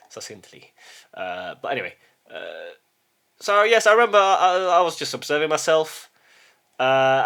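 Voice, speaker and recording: A man hosting his own channel, thinking aloud in a reflective monologue, halting with frequent restarts and a soft "yes?" to check in with the listener. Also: mid-range voice. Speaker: channel host.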